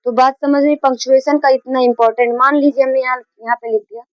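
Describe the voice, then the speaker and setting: A woman's voice: high voice, steady tone, fast talker, no echo, muffled recording. A woman teaching a grammar lesson, explaining patiently, repeating key points and mixing in English terms.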